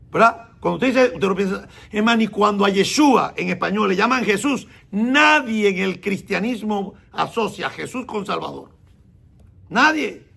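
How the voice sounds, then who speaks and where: A man's voice: sits high, creaky, fairly bright tone, slightly rough. A man, a messianic rabbi, teaching a sermon and questioning the congregation as he explains. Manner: explains slowly and repeats words, asks the congregation questions.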